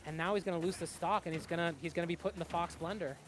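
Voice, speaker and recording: A young man doing live play-by-play commentary on a fighting game tournament, excitable, with lots of fillers and quick reactions. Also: a little high, background noise. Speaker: esports commentator. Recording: music playing behind.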